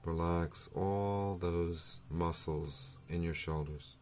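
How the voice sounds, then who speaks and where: A man leading a guided breathing meditation in a soothing, unhurried manner, leaving long pauses between phrases. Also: sits low, fairly even intonation, a little mellow. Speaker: meditation teacher.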